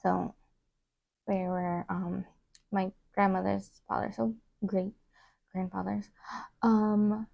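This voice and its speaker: A young woman chatting casually while doing her makeup, rambling with many fillers and trailing off into soft asides. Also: mid-range voice, little pitch movement, slow, creaky, long pauses, dry recording, lo-fi sound. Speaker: beauty vlogger. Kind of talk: casual get-ready-with-me chat.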